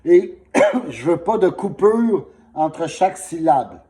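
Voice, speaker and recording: A man's voice: a little high, very animated, slow pace, dark tone. A man giving a patient singing lesson, coaching and demonstrating vowels while coughing through a sore throat. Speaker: singing teacher. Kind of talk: one-on-one voice lesson.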